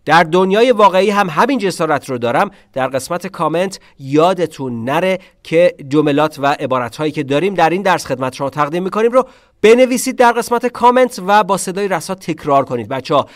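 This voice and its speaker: Persian speaking guy teaching english online, slightly high voice, drills phrases slow and repeats em. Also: animated, dry recording, studio quality. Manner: drills English phrases slowly and repeats them, then teases viewers in quick asides. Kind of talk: online language lesson.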